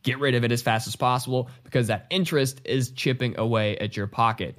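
A young man with a stuffy, congested nose talks straight to viewers as an online host, giving casual, emphatic advice. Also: mid-range voice. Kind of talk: direct-to-camera advice talk.

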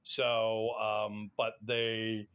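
A middle-aged man from the Atlanta area of the United States appears as a podcast guest, sharing anecdotes in a wry, self-deprecating, casual chat. His lowish voice is smooth, monotone, and fairly bright, and he speaks extremely slowly.

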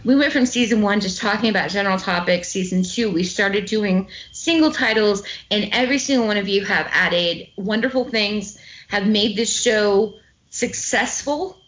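A woman hosts a casual film discussion podcast in a chatty, relaxed way. She swears freely and laughs easily as she talks. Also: mid-range voice, moderate pace. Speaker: podcast host.

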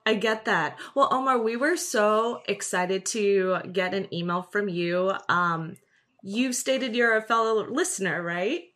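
A woman from New Jersey hosting a podcast interview. She talks in an upbeat, chatty way, with fillers like "um" and "like". Her voice is bright and clear, in a middle pitch. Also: unhurried. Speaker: podcast host. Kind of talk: casual interview chat.

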